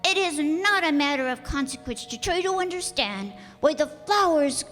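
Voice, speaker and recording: A woman's voice: high voice, animated, moderate pace, a bit bright. A woman playing a small, earnest, insistent boy prince from another planet in a radio drama, speaking with precise, solemn, childlike delivery. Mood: indignant, hurt. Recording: long hall reverb, music behind.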